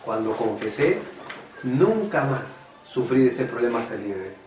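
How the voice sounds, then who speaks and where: A man's voice: medium pitch, sing-song, normal speed, roomy sound, recorded from a distance, background noise. A man preaching a personal testimony sermon, earnest and confessional, often calling his listeners brothers. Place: church meeting room.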